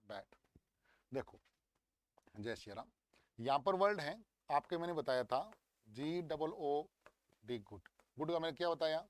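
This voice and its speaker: A young male teacher coaxes his students through an exam paper, drilling each word out loud. His voice sits fairly high. The recording is dry and close. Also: a little slow, pauses often, dry recording. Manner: lively, coaxing, drills words aloud. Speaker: English teacher. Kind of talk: exam paper walkthrough lesson.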